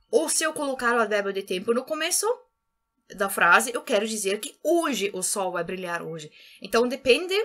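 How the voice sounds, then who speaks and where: Bright-voiced woman teaching German. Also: fairly high pitch. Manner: patient, repeats points, slows down for German examples. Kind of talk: explanatory video lesson.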